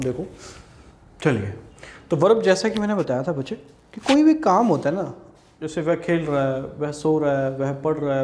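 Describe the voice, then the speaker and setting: Young male tutor, Haryanvi accent, highish voice, teasing, keeps asking the class questions. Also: a little mellow. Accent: Haryanvi Hindi. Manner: chatty, scolding asides, rhetorical questions. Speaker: English teacher. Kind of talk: online exam-prep lesson.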